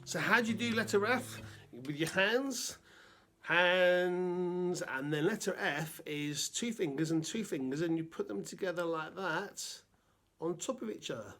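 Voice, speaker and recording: A man presenting a gentle lesson for under-fives, unhurried and halting with little fillers. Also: sits high. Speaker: children's presenter.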